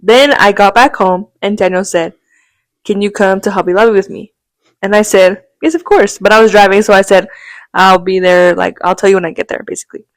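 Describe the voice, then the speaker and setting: A young adult woman's medium-pitched voice moves a little fast on a podcast recorded without echo. As co-host, she spins a rambling story in casual chat, acting out quotes with animation and laughing often.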